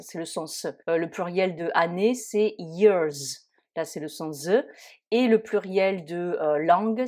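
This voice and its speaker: A woman explains English grammar in a patient lesson voice. She sits slightly low in pitch and pauses often on little fillers. She slows right down to model each example word. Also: a little mellow. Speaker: English teacher.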